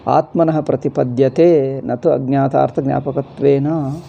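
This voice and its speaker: A man's voice: medium pitch, fairly even intonation, moderate pace, creaky, dark tone, highs cut off, a little hiss or hum. A man with a South Indian accent, a native Kannada speaker, giving an informal scriptural lecture, repeating key phrases and answering his own questions.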